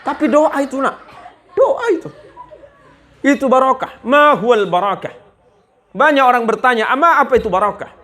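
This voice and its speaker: An Indonesian man with an extremely high, sharp voice speaks fairly quickly. He preaches a humorous sermon to a village gathering as a joking storyteller, acting out the voices of the people in his stories.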